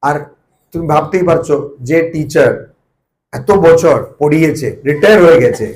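Man, monk, spiritual talk, fairly high voice, joking asides, echoey room. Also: normal speed, darkish tone. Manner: asks the listeners questions. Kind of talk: informal spiritual discourse to a small group. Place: study circle meeting room.

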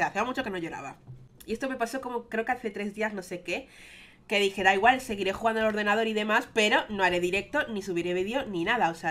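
A young woman rambles through a casual storytime to her viewers. Her voice is bright and forward, at an ordinary pitch. She keeps circling back with filler words as she talks. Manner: chatty, rambling with many fillers. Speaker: vlogger.

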